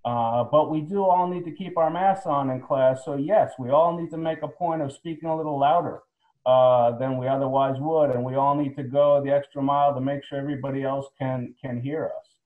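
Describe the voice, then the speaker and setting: A man's voice: medium pitch, fairly even intonation, brisk, echoey room. A man speaking as a law professor, answering students informally in an earnest way with repeated phrasing. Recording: muffled, boxy room sound.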